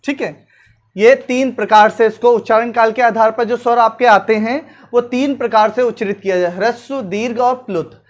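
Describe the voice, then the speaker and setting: A woman teacher with a fairly high voice talks through an exam-prep lesson. She repeats each point and fires off quick questions, then answers them herself, drilling the material for her students. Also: fairly even intonation. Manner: repetitive drilling, asks and answers own questions. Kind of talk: exam-prep classroom lecture.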